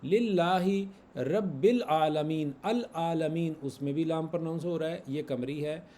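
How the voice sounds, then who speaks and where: Patient male teacher, mellow voice. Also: on the high side, measured pace, slight background noise. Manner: patient, repeats examples, quizzes students. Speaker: Arabic grammar teacher. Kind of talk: online class lesson.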